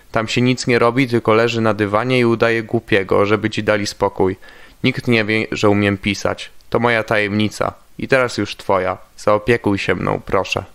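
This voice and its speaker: A man reading in first person as a small, fearful, solitary boy from a storybook, in a slow and plain manner. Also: lowish voice, a bit bright, smooth.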